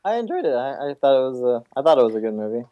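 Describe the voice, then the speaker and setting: A man's voice: mid-range voice, very animated, racing, no echo, dull audio. Hesitant guest man, dry close sound. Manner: hesitant, stammering, with fillers. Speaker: podcast guest. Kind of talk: casual podcast chat. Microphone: computer mic over voice chat.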